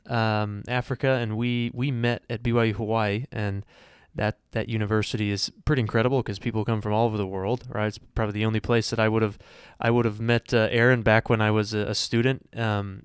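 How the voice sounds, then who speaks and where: Male podcast host, thirties, low and very clear, casual and filler-heavy. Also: no room sound, clean studio sound. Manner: relaxed, filler-heavy, friendly. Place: studio.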